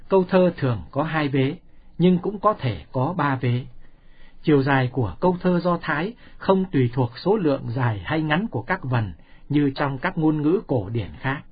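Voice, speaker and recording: Husky-voiced man reading a lesson. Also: a little high. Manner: even, measured recitation of long number lists. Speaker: reader of a study text. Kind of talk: steady scripted reading of a scripture lesson. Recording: dull lo-fi recording.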